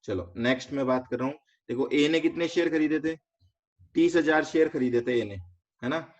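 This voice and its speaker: An Indian-accented man, his voice on the high side, delivers an online finance lecture one step at a time. He pauses to quiz students with quick questions and slips English terms into what he says, all captured on a slightly dull, lo-fi recording.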